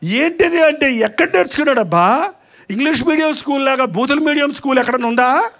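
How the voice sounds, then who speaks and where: A man preaches in a strikingly high voice. He speaks with animated energy, firing rhetorical questions and acting out quarrels as he preaches. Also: fast. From India. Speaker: pastor. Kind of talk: sermon.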